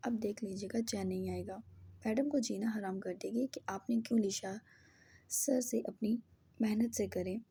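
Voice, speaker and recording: A woman voicing a hot-tempered young man, bitter but playful, speaking in a half whisper with sharp outbursts. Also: mid-range voice, fairly even intonation, moderate pace, gravelly, husky. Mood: teasing.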